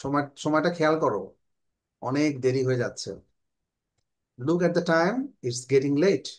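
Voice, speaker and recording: A man with a Bangladeshi accent teaching an online English class, explaining in Bengali and slowly modelling English phrases. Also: on the high side.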